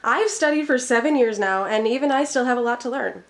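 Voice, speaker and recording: This Korean lesson comes from a Minnesota-born tutor, a woman whose first language is English, reading scripted educational narration. She sounds upbeat and friendly, with a fairly high voice and brisk delivery.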